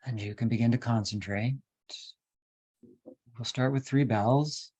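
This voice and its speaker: This man leads a guided meditation at medium pitch with a slightly breathy edge, his measured, unhurried phrasing broken by lengthy silences.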